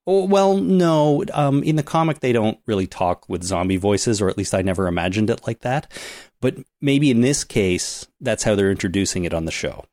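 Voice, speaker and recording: A man's voice: fairly low pitch, normal speed, a little mellow, no room sound. Dry-voiced man explaining on a podcast. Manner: explains at length, warns about spoilers. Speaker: podcast co-host. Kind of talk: casual podcast chat.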